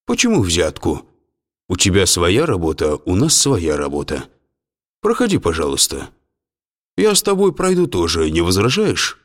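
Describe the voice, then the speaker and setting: A man's voice: sits low, huge pitch swings, normal speed, heavily acted. A man voicing a sly, unruffled businessman. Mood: calm, sly. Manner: affable and unruffled, gently mocking. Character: calm, sly male businessman, smooth-talking.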